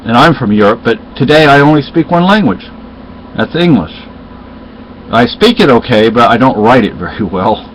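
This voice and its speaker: A middle-aged man from Spain, whose native tongue is Spanish, chats casually as a storyteller, rambling and halting with plenty of restarts. His mid-range voice is expressive, and a little hiss or hum colors the dull lo-fi audio.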